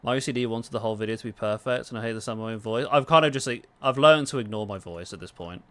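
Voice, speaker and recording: A game streamer and YouTuber with a southern accent livestreams a game, chatting casually and poking fun at himself. His medium-pitched voice is a bit bright and comes out rapid-fire.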